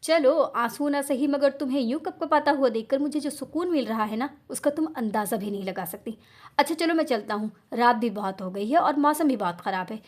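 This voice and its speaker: A cruel young husband with a sneering, falsely sweet manner, as a woman storyteller puts him on in a storybook reading. The voice stays high and lively rather than deep, so the menace sits in the taunting tone. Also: a little fast. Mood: mocking. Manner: taunting, falsely tender, flares into shouting. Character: cruel, mocking young husband who enjoys her pain.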